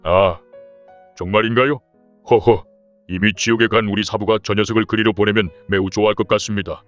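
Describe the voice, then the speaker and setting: A thick-headed younger-brother villain played by a man with a low voice. He is boastful yet deferential to his elder, in wuxia audio-drama style. The audio is a bit dull, with music behind. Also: fairly even intonation, a little fast, dry recording, lightly acted. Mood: boastful, gleeful.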